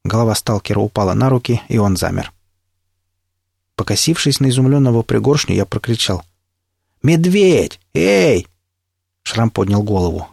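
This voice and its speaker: A man narrating an adventure novel in the first person, with steady storytelling. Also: on the low side, brisk, creaky, breathy edge, dry recording, studio quality. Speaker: audiobook narrator. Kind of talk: audiobook reading.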